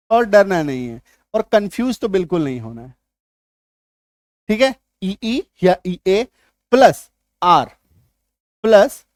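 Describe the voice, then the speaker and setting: A male teacher giving a spoken lesson, repeating each point and quizzing the listener with quick questions as he drills lists of words. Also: high voice, dry recording, clean studio sound. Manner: drills word lists aloud, one word at a time.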